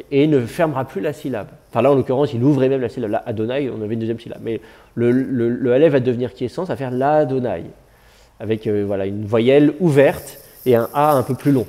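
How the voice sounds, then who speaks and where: A male teacher explains a point to his class, patient and unhurried, often restarting his sentences. His voice is mellow and relaxed, at an ordinary pitch. He speaks in a classroom. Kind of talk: classroom lesson.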